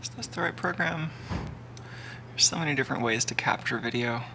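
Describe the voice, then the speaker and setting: Gravelly-voiced man streaming a workshop build. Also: mid-range voice, brisk, bright, forceful tone, a little hiss or hum. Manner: thinking aloud with fillers and self-corrections. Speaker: live streamer building an electronics kit. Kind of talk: casual live-stream chat. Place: home workshop.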